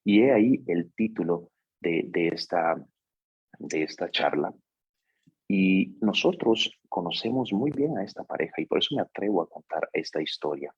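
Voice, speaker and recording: A man telling a personal story in a talk, hesitant, with fillers and repeated words, going soft at the sad parts. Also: low voice, lively intonation, moderate pace, slightly rough, no echo. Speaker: life coach. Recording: dull, dry, lo-fi recording.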